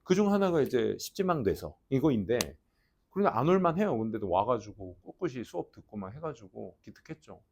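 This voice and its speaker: A man's voice: sing-song, fairly quick, vocal fry, a little mellow, husky. A man teaching English at a cram school, casually telling his students a story and acting out the voices in it. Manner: chatty, acts out quoted voices, trails into low mutters.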